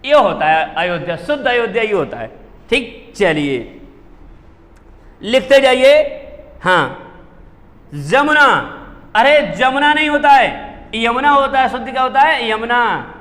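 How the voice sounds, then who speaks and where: A man's voice: very high-pitched, big pitch swings, unhurried, long pauses, fairly bright tone. A man teaching Hindi spelling, drilling each word and quizzing his class with repeated questions. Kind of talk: classroom lesson. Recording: long hall reverb.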